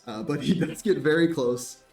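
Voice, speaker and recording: A man narrating as game master in a relaxed, laughing way. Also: on the high side, moderate pace, creaky, faint music behind. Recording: echoey room, mic far off.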